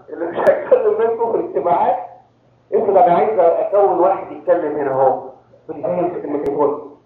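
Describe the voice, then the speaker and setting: A man from Cairo with an Egyptian accent, a priest preaching a sermon and quizzing his listeners with rhetorical questions. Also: high-pitched. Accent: Egyptian Arabic. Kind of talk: sermon to a congregation. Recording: very echoey tinny phone-like hall recording.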